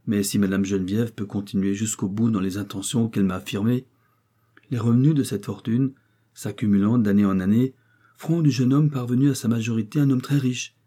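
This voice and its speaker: An imperturbable, stiff provincial notary speaks in formal, measured phrases, as a man reads him. The voice is dark and husky, part of a spoken storybook. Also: mid-range voice, pitched above the performer's own voice, natural voice. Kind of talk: audiobook character voice.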